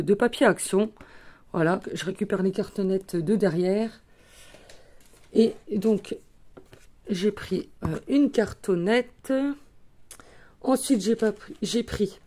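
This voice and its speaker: Slow, mellow woman showing crafts. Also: mid-range voice. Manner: chatty, fills with "euh" and "voilà", talks while handling materials. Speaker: crafting tutorial host. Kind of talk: casual craft demonstration.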